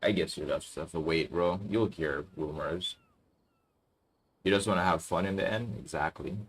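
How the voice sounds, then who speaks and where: A man's voice: low voice, moderate pace, husky. A young man streaming a game, chatting casually in a laid-back way and calling his viewers bro. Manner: laid-back, calls everyone bro, reads chat aloud. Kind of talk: casual live-stream chat while playing.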